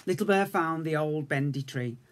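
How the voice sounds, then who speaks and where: A man in his fifties with an English accent, an infant school teacher, reads a story aloud to young children. His voice is fairly high and his speed normal, and he is indoors in a room at home.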